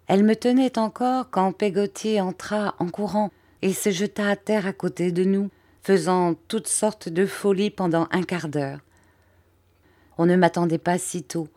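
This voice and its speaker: Woman reading a classic novel, mellow voice. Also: lowish voice, dry recording. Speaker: audiobook reader. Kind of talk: scripted narration.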